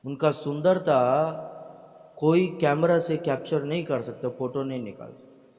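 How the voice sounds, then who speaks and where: A man's voice: a little high, a little slow, darkish tone. A male pastor delivering a sermon in a slightly raised voice, punctuating his points with hallelujahs and questions put to the congregation. His voice rings out in a large church hall with a long, trailing reverb. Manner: emphatic preaching with frequent hallelujahs and questions to the congregation.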